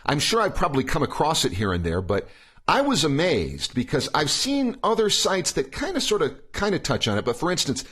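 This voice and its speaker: A male podcast host reads out the guest's introduction and then asks his questions in a rambling, hedging way. His voice is husky and breathy, and his pitch moves around a lot. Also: fairly bright tone. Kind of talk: casual interview questions.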